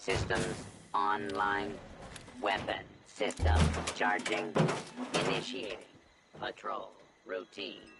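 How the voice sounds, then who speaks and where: A man voicing a dutiful male security robot through a robotic filter, making monotone announcements as its systems boot up. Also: on the low side, creaky, heavy background noise, heavily acted.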